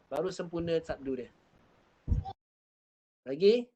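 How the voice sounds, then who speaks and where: A woman with a Malaysian accent teaching Quran recitation over a video call. She demonstrates each sound slowly and repeats it patiently. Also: deep voice, lively intonation, warm tone. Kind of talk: online tajwid lesson.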